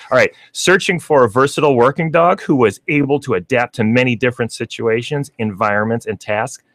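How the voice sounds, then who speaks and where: A man's voice: medium pitch, fairly bright tone, dry recording. A man hosting a casual radio talk show, reading facts aloud with chatty asides and frequent laughs. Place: radio studio.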